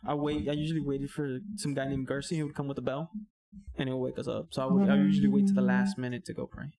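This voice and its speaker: A man, a podcast guest, telling a story in casual chat. He is animated, swears a lot and mixes in Spanish slang. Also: mid-range voice, fast, a loud crowd.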